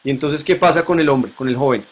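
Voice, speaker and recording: A man's voice: medium pitch, quick pace. A man teaching a Bible lesson to a class, asking questions and repeating key points.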